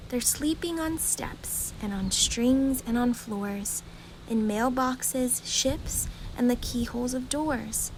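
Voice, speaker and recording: A woman reads a rhyming children's bedtime story aloud in a calm, gentle, expressive storytelling way. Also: a little high, slow pace, slight background noise, rough recording.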